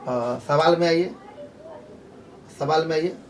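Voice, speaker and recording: A man's voice: on the high side, slow, slight background noise. A man explaining a grammar lesson in a loose, repetitive way, full of fillers and restarts, recorded from a distance with faint outdoor sound behind. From Jharkhand. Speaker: teacher. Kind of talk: casual spoken grammar lesson.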